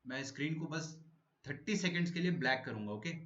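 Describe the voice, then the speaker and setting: A male maths teacher giving a live online lecture, explaining slowly and checking whether students have understood. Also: on the high side, expressive, a bit bright. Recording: echoey room, dull lo-fi audio.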